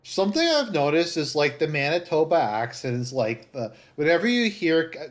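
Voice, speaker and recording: Speaking with a Southern Ontario Canadian accent, a man hosts a livestream with casual chat and live commentary. His slightly high, sing-song voice halts and rambles as if he's thinking aloud.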